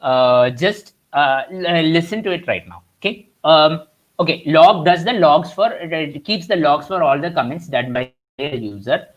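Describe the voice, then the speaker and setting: A man's voice: a little high, animated, a little slow, lo-fi sound. A young man with an Indian accent teaching a live online workshop, explaining with many fillers and restarts over a computer mic. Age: young adult. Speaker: workshop instructor. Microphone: computer mic on a video call.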